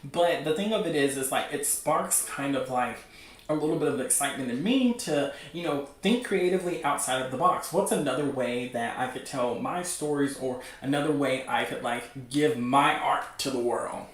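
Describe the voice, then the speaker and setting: A livestream host chats casually about webcomics, rambling with gushing, excitable fan enthusiasm and leaning heavily on "like." His voice is medium-pitched at a moderate pace, recorded in an echoey room at a distance from the mic.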